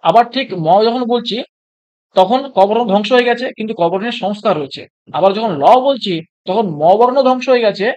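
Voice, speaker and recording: Teacher asking and answering his own questions. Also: mid-range voice. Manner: asks questions and answers them himself; recites Sanskrit lines slowly. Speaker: Sanskrit teacher. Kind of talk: exam-prep lecture.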